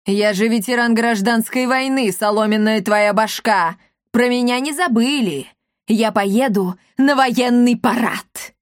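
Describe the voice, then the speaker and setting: Woman voicing a bossy commandant lady, high, shrill, shouting, mocking, storybook, dry sound. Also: normal speed, no echo, lightly acted. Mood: exultant. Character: loud brash middle-aged woman commandant, bullying.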